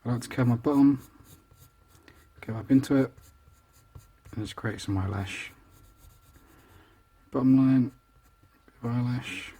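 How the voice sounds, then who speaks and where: Unhurried and pausing often, a man with a mellow, slightly rough medium-pitched voice guides a casual real-time drawing tutorial step by step. He chats and pokes fun at himself, heard but not seen over the drawing.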